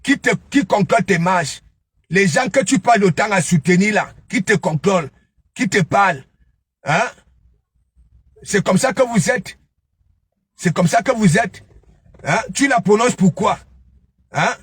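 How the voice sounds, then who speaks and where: A man's voice: high voice, animated, unhurried, long pauses, slightly rough, dry recording. A man giving a taunting, scolding commentary, mocking his target and repeatedly asking "hein?". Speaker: online gossip commentator. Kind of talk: ranting live commentary.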